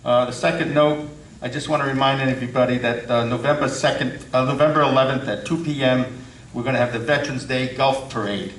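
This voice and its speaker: Man, informal committee report, halting speech, distant microphone, slight noise. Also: mid-range voice, fairly even intonation, fairly bright tone. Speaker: board member giving a report. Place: indoor meeting room, far from mic. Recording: distant, echoey room with faint noise.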